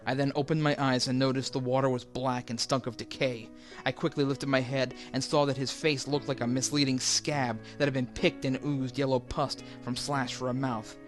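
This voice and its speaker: A man reads a first-person horror story at an even, somber pace, his voice sitting mid-range for a man. Soft music plays low underneath. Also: normal speed. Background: faint background music.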